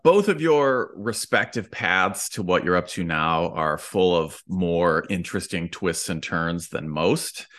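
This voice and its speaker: A man's voice: low voice, expressive, measured pace, few pauses, fairly bright tone. A man hosting an interview, asking questions in a dry, wry way with filler words. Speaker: host.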